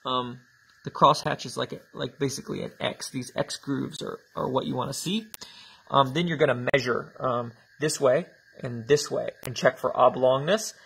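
Male vlogger, casual hands-on tutorial delivery, unhurried and filler-heavy, mid-range pitch. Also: gravelly, slight background noise, rough recording. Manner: relaxed, explains step by step with many ums. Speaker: motorcycle vlogger.

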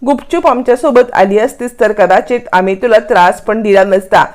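A woman's voice: mid-range voice, normal speed, darkish tone, lightly acted. A woman voicing taunting male street thugs, as part of retelling a TV serial plot. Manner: mocking, menacing.

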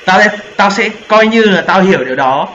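A man's voice: sits high, brisk, a little hiss or hum. A young man chatting casually and joking with friends while gaming. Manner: joking, excitable, swears casually. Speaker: gaming channel host. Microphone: voice chat mic. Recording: echoey, dull lo-fi voice chat.

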